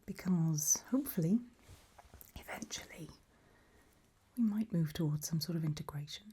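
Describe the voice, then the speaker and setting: This woman's whispered role-play casts her as a gentle, eerie undead mentor in a creepy audio drama, instructing softly and patiently at a moderate pace. Calm yet quietly menacing, her very breathy, low voice is mellow at the edges, with unease underneath.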